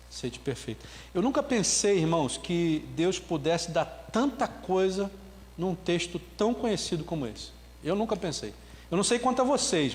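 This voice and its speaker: Male pastor, high voice, animated storytelling sermon, recorded in a reverberant church hall with faint room noise. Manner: ends with a slow spoken prayer.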